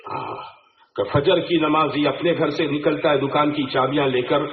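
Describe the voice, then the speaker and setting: A man's voice: on the high side, fairly even intonation, normal speed, a little hiss or hum. A man preaching an Islamic sermon to a gathering, often putting questions to the listeners. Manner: asks the crowd rhetorical questions. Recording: tinny phone-like sound in an echoey room.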